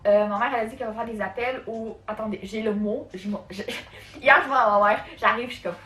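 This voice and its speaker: Bright chatty Quebec French woman. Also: on the high side, fairly even intonation, a little fast. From Canada. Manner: chatty, filler-heavy storytelling. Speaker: vlogger. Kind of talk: casual storytime. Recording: echoey room, faint music.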